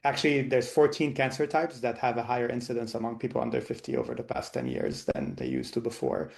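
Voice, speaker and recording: A man in his thirties, from Lebanon, talks through his answers as a physician guest. His voice sits at a middle pitch. He restarts sentences and repeats words as he thinks aloud. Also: expressive, fast, gravelly, a little mellow. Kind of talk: interview answers.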